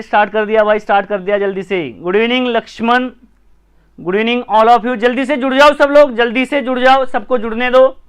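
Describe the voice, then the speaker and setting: A man with an Indian accent runs a live online chemistry lesson, his voice sitting very high and coming through smooth and clear. He talks briskly, repeats key terms again and again, and keeps nudging viewers to comment and share. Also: a bit bright. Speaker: chemistry teacher.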